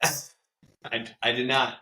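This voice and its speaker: A man's voice: mid-range voice, little pitch movement, extremely slow, sharp tone, echoey room, slight background noise, low-quality recording. A man in his thirties from North Jersey, an easygoing podcast guest who laughs often and stammers a little. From North Jersey, USA. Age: 30s. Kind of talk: casual interview chat.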